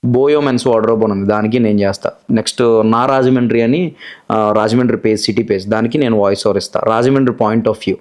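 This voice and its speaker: Fast-talking Godavari-accented man. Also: lowish voice, darkish tone. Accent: Godavari Telugu. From Godavari region, Andhra Pradesh, India. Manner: brisk, chatty, self-assured. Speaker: voice-over artist, guest. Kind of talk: casual interview storytelling.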